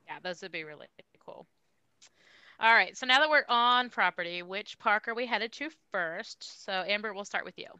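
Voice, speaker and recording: A young woman hosts a relaxed podcast conversation, often pausing with ums. Her voice is bright and very clear, and the recording is dry. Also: medium pitch, no echo, highs cut off. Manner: relaxed, hesitant with many ums. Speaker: podcast host. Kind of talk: casual chat.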